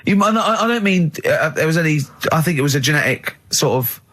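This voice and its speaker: A man's voice: on the high side, lively intonation, fast, fairly bright tone. A man with an English accent hosting a radio show, chatting and teasing as he rambles through stories. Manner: chatty, rambling storyteller who teases. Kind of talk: casual radio banter and anecdotes. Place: radio studio.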